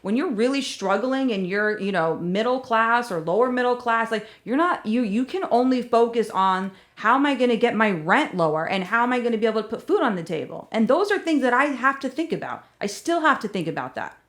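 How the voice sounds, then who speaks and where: A woman's voice: on the high side, lively intonation, fairly quick, hardly any pauses, fairly bright tone. A middle-aged American woman chatting casually as a podcast co-host, venting candidly and emphatically with rhetorical questions.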